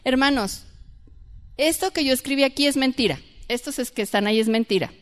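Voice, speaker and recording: In a high voice and brisk delivery, a woman leads a church Bible class, often quizzing the group and repeating her key points. The recording has the reverb of a large hall.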